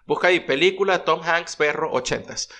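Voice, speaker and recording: A young Venezuelan man co-hosting a podcast, telling stories in an animated, slangy way full of swearing. His voice sits a little high and sounds bright and forceful. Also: a little fast. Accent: Venezuelan Spanish. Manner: slangy, profane, animated storytelling. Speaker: podcast co-host. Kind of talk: casual chat.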